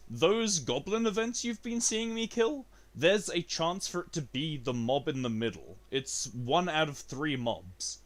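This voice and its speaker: A man casually commenting on his gameplay for a stream, talking to his chat, swearing freely and jumping into high yelps when something good or annoying happens. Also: expressive, a little slow, few pauses. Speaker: game streamer.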